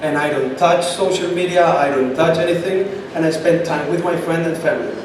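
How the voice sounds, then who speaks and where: A brisk, fairly high male voice with fairly even intonation and a Chilean Spanish accent answers questions at a startup event. He is emphatic and repeats points for stress, recorded far away in an echoey, noisy space.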